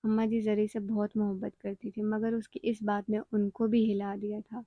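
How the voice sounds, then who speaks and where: Woman reading a novel in a flat voice. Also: medium pitch, no room sound, narrow, tinny audio. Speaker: narrator. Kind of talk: scripted narration of a novel.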